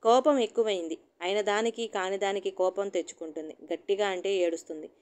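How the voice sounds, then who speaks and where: Calm reasonable middle-aged husband, as a woman reads him, patient, a bit baffled. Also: medium pitch, a little fast, natural voice. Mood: mild.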